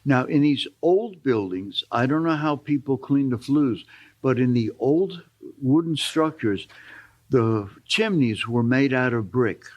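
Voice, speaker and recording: A man's voice: medium pitch, animated, measured pace, a little mellow, muffled recording. Older guy spinning folksy stories, wanders off on little asides. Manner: rambling, folksy storytelling with asides. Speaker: storytelling guest. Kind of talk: casual storytelling on a talk show.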